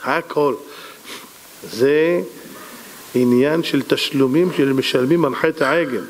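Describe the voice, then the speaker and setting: A man preaching a sermon as a rabbi, telling a parable in an animated way and asking rhetorical questions, in an echoey hall. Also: medium pitch, slight background noise. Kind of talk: sermon with storytelling.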